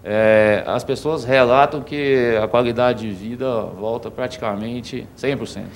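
Calm man explaining, faint noise. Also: medium pitch, a little slow. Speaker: dentist guest. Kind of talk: explanatory interview answers.

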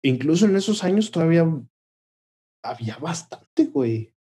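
Mexican young male co-host, warm low-key voice, easygoing slang with fillers. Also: normal speed. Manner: relaxed, slangy, hesitant fillers. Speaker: podcast co-host. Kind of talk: casual chat.

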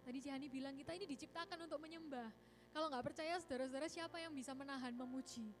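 Chatty high-voiced woman preaching. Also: very fast, faint music behind. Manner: chatty, animated, mixes English words, often says "saudara-saudara". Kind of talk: casual youth sermon. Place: church service.

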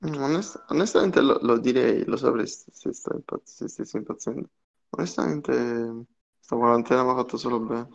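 A man's voice: medium pitch, moderate pace, creaky. A young man with a Neapolitan accent, chatting casually as a podcast co-host on a headset. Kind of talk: casual chat. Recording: dull lo-fi online call audio.

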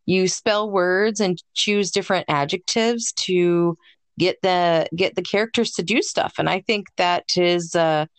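A woman co-hosting a casual podcast chat, speaking in a gentle, encouraging and thoughtful way. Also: lowish voice, a little slow, smooth, no echo. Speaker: podcast co-host.

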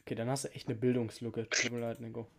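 A man's voice: medium pitch, monotone, fast, slight background noise. Teasing German quiz host, man. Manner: teasing, joking. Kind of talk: casual group chat, guessing game.

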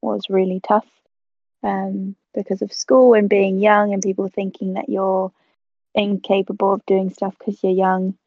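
A woman's voice: medium pitch, level tone, measured pace, no room sound. A woman in her twenties, originally from South Africa, chatting casually as an interview guest and laughing easily. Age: 20s. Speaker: guest photographer. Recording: tinny phone-like line.

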